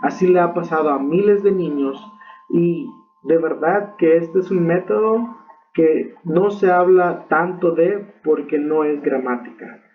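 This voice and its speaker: A man's voice: fairly high pitch, a little hiss or hum. A man teaching English pronunciation in a recorded lesson, explaining patiently and checking in with "ok?". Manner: slow, patient explaining with frequent "ok?" check-ins. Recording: tinny phone-like audio.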